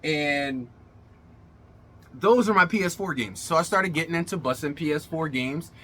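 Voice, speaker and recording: Speaking straight to viewers in a relaxed vlog, a middle-aged gaming host plays the emphatic, colloquial showman. His voice is on the high side and a bit bright, with lively intonation at a normal pace, and there's slight background noise. A mild slur runs through his words, as if his mouth were swollen.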